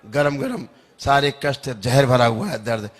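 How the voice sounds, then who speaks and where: A man acting as a spiritual healer who leads a public healing session, chanting softly and making wry jokes. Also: mid-range voice, unhurried, husky. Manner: soothing, chanting, wryly joking.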